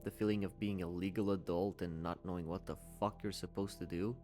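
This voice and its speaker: A man's voice: low voice, fairly even intonation, brisk, warm tone, soft background music. A man in his twenties giving a candid, conversational commentary voice-over and swearing casually. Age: 20s. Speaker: YouTube commentator.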